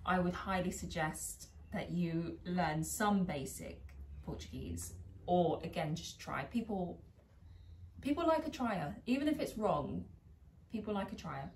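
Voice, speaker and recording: Chatting in her home garden, a British vlogger from England laughs at her own attempts at foreign phrases. Her fairly low voice has lively intonation and a measured pace, with a little hiss or hum in the recording.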